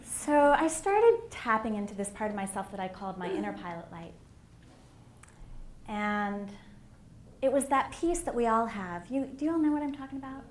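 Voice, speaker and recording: A middle-aged woman giving a candid, animated personal talk as a conference speaker on a stage microphone. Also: a little high, moderate pace. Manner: candid and animated, with emphatic swells. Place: conference hall. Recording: echoey hall with faint room noise.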